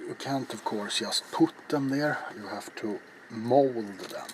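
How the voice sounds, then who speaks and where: Speaking slowly at medium pitch, a middle-aged ASMR craft video host talks through a casual hands-on tutorial while working, his remarks rambling, offhand and self-deprecating. He's in a small, cluttered indoor hobby workshop, and the home recording is noisy, with background noise clearly present.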